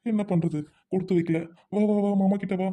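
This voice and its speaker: A woman's voice: mid-range voice, fairly even intonation, a little fast, warm tone, natural voice. A woman playing a poor, kind-hearted village older brother, talking in an earnest, pleading way. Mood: tender. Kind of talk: family drama skit.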